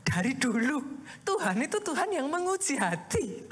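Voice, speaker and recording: Lively high-voiced woman pastor preaching. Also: normal speed. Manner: lively, conversational preaching with rhetorical questions; addresses the congregation often as "Saudara". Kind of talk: sermon.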